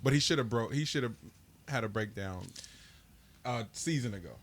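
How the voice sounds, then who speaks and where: A man's voice: medium pitch, expressive, moderate pace, slight background noise. A man co-hosting a casual podcast chat who makes wry, dry remarks.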